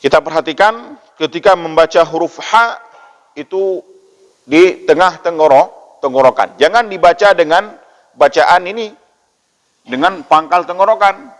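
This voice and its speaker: A man from Indonesia teaching Quran pronunciation in a patient lesson, repeating letter sounds over and over and chanting verses slowly for listeners to copy. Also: fairly high pitch. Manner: chants Quranic phrases in drawn-out recitation. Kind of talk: slow tajwid lesson with call-and-repeat drills. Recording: long hall reverb.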